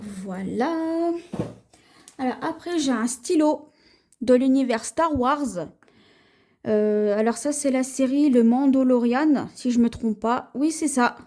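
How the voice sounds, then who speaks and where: Slow, mellow-voiced French woman. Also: fairly high pitch. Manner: slow, chatty, hesitant with many fillers. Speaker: haul vlogger. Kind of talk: casual haul video, showing items to camera.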